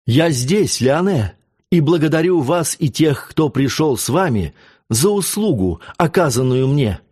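A fiery young countess from an old storybook, as a male reader puts her on. Her voice is lifted and impassioned, with a lively, swinging pitch. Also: unhurried, husky. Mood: grateful.

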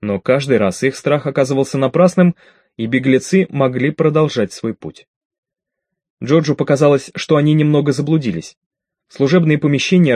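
Male audiobook narrator, steady and measured, mid-range voice, dry close mic. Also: medium pitch, no room sound. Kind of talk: scripted narration.

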